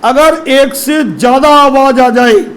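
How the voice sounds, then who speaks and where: High-voiced male teacher, slow and coaxing. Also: a bit bright, rough recording. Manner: addresses students as children, asks them questions. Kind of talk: classroom lesson on English grammar.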